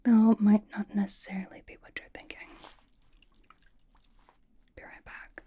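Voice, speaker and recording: In an ASMR roleplay, a woman plays a playful, teasing young female K-pop idol, giving soft personal attention while pampering the listener with skincare. She whispers breathily and warmly at a moderate pace and medium pitch with little pitch movement, sounding soothing, reassuring, casual and instructive.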